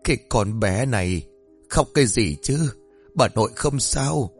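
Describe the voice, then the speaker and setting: A man voicing a frail, superstitious old grandmother in her seventies, who speaks in a weak, slow, whispery voice. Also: mid-range voice, expressive, slightly rough, soft background music. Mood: fretful.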